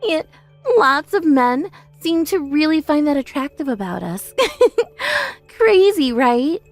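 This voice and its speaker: A woman's voice: sits high, sing-song, slow, faint music behind, full character voice. A woman playing a boastful, mocking older sister in her thirties in a scripted audio story, with a haughty, taunting manner. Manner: haughty, taunting, self-praising.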